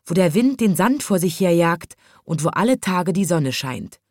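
A woman voicing a timid, kind little male zookeeper in a children's story, speaking gently and hesitantly. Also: lowish voice, very animated, normal speed, no room sound, studio quality. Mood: gentle. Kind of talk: storybook reading.

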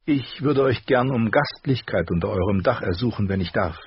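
A man's voice: lowish voice, lively intonation, moderate pace, slightly rough, no room sound, dull audio, pitched above the performer's own voice. A man voicing a proud, stern middle-aged noblewoman who speaks in a curt, commanding way.

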